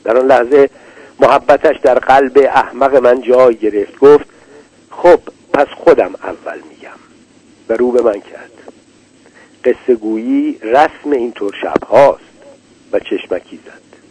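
A man reading a literary story aloud in a measured, deliberate way. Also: medium pitch, darkish tone, low-quality recording. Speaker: narrator. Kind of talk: literary audiobook narration.

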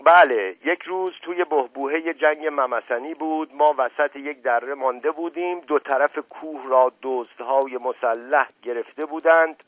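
A man reading aloud, voicing a pompous, hot-tempered older uncle who boasts of old battles and shouts down interruptions. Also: mid-range voice, hardly any pauses, dry recording, voice pushed up, lightly acted. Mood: boastful. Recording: dry, narrow phone-like sound.

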